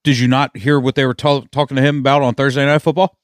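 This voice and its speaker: A man with a middle-pitched voice leads a casual beer-tasting chat. He rants heatedly and swears freely, hammering his points home. The sound is dry and close, with almost no room echo. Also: flat delivery, quick pace. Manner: heated, profane, emphatic ranting. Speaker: podcast host.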